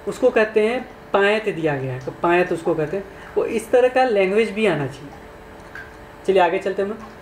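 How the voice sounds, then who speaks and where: A man, teaching exam questions in a conversational way and asking his listeners questions. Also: sits high. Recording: echoey room, faint background noise.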